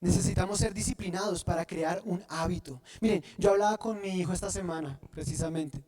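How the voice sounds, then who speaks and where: Guy preaching, soft dark tone, keeps asking the church to finish his sentences. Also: high voice, a little fast. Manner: asks the congregation to fill in words; repeats and restarts often. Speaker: pastor. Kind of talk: sermon.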